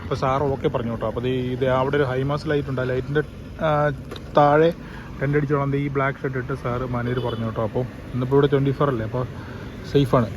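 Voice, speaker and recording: A man from Kerala with a hoarse voice, chatting casually with many fillers while filming a travel vlog on a handheld camera outdoors. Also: mid-range voice, steady tone, fast talker, noisy background. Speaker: travel vlogger. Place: outdoors by a roadside petrol pump and stream.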